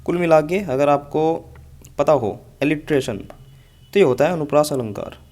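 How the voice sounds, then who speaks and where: A man's voice: a little high, moderate pace, darkish tone. A man teaching English vocabulary for exam preparation, patiently explaining words and repeating memory tricks. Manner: explains patiently, repeats mnemonics, says "ठीक है" often. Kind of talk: exam-prep lesson with mnemonics.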